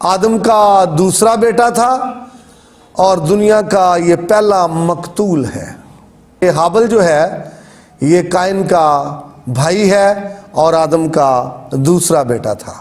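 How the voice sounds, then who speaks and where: Male Bible teacher, high voice, measured lecture delivery. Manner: slow, deliberate explanation of word pronunciations. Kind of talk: religious word-study lecture.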